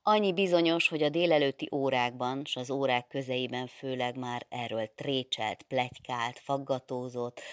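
A woman narrating a literary audiobook with a measured, steady reading. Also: rumbling low, dry recording, studio quality.

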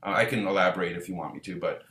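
A man's voice: sits low, racing, reverberant. A man from Israel who leads a band, talking at length in a casual interview with many fillers and restarts. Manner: relaxed, rambling, many fillers. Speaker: band leader.

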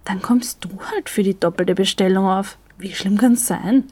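A woman doing an annoyed young flatmate, husky voice, dry close sound. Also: mid-range voice, moderate pace, no echo, close to an everyday voice. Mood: snippy. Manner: snippy, annoyed.

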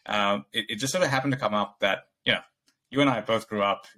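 A young man from Bangladesh co-hosting a casual podcast, rambling through stories and acting out what others said. His voice sits a little low but has a bright, forceful tone. He laughs often. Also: fast. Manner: rambling, laughs often, acts out quoted dialogue. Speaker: podcast co-host. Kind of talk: casual chat.

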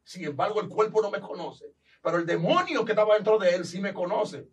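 Animated Dominican pastor telling a testimony. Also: male voice, high-pitched, fairly quick, far from the mic, dull audio. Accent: Dominican Spanish. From Dominican Republic. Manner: animated, acts out quoted voices. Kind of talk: testimony storytelling.

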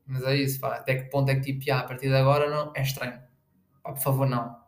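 Young male podcaster, European Portuguese accent, slangy filler-heavy chat, mid pitch, echoey room. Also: level tone, very fast. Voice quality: slangy, rambling, lots of fillers. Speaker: podcast host. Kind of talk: casual solo podcast chat.

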